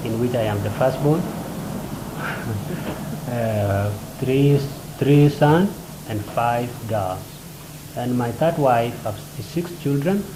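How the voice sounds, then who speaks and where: Man from South Sudan, halting first-person interpreter, echoey and noisy. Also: mid-range voice. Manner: halting, many fillers and pauses, short phrases. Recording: roomy echo with ambient noise.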